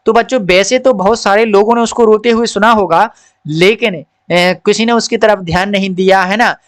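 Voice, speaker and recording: A man, teaching a textbook lesson, who reads English text slowly and then explains it in Hindi. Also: high voice, dry recording.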